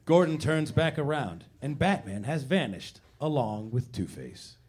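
A man's voice: medium pitch, very animated, unhurried, a little mellow. A man reading stage directions as the narrator of a comedy script.

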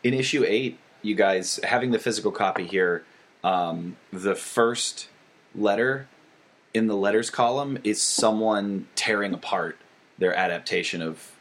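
A man's voice: lowish voice, measured pace. A man co-hosting a casual chat, talking with enthusiasm and rambling through restarts.

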